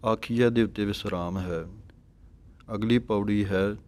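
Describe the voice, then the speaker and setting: A man teaching correct recitation of scripture, chanting verses slowly and then explaining the pronunciation. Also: fairly low pitch, fairly even intonation, darkish tone. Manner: slow, measured chanting of verses between explanations.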